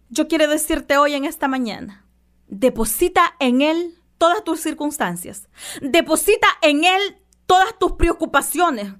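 A woman's voice: high-pitched, fairly bright tone. A woman preaching a devotional sermon, impassioned, repeating lines for emphasis and addressing listeners affectionately.

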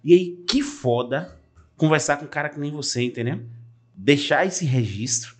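A man's voice: a little high, expressive, moderate pace. A man hosting a podcast, talking in a casual, earnest and reflective way with some joking. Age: adult father.

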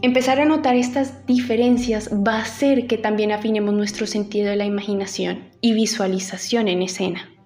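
A woman's voice: medium pitch, fairly even intonation, fairly quick, hardly any pauses, darkish tone, faint music behind. A woman giving an instructional audio lesson as an acting teacher, speaking directly to the listener and guiding them through an exercise. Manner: addresses listener directly with instructions and reflective questions.

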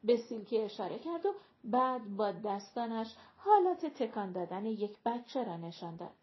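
A woman narrating an audiobook in a clear, even reading voice, pitched somewhat high. The recording is dull and lo-fi.

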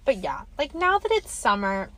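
A woman's voice: a little high, wildly swooping pitch, normal speed, bright, forceful tone. Young woman podcast co-host, rambling chat. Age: young adult. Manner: rambling, filler-heavy, lots of "like". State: slightly losing her voice. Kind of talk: casual chat. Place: quiet street.

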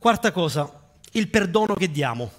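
A man preaching a sermon to a congregation, building to loud, fervent peaks and then dropping low and quiet. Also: sing-song, moderate pace.

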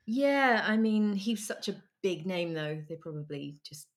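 A woman's voice: mid-range voice, expressive, measured pace. A woman hosting a casual music chat, giggly and rambling with lots of ums. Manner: chatty, giggly, trails off with ums. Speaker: podcast host.

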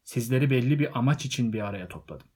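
A man's voice: mid-range voice, lively intonation, quick pace, darkish tone, breathy edge. A man voicing a jovial elderly male hobbit who gives a grand, declaiming speech at a party.

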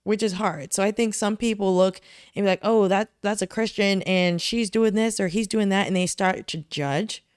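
A woman's voice: medium pitch, moderate pace, a little mellow, clean tone, no room sound, studio quality. A young woman co-hosting a podcast, talking frankly and reflectively in casual chat. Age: young adult. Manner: reflective, frank, laughs easily. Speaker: podcast co-host.

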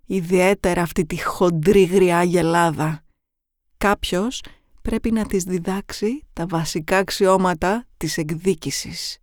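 A woman's voice: lowish voice, steady tone, dry recording, studio quality, close to an everyday voice. A woman narrator voicing a bullied teenage boy who mutters menacing threats to himself in a horror story reading. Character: bullied teenage schoolboy quietly plotting revenge.

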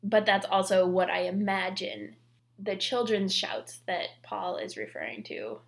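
A woman co-hosting a casual podcast chat, her voice carrying a steady gravelly fry. She talks in a loose, chatty way and fills her sentences with "like." Her pitch sits in a middle register. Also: measured pace. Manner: chatty, many "like" fillers. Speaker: podcast co-host. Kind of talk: casual chat about scripture and fiction.

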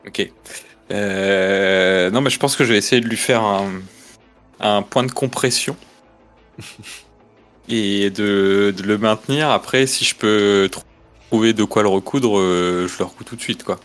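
A man's voice: lowish voice, measured pace, fairly bright tone, soft background music. A man playing a tabletop game, talking hesitantly as he thinks out his move. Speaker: player.

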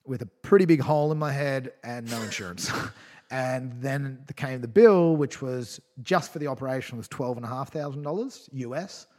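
Guy in his 30s, mid pitch, rambling story, swears a lot, laughs between bits. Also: moderate pace, darkish tone. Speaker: guest. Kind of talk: casual storytelling.

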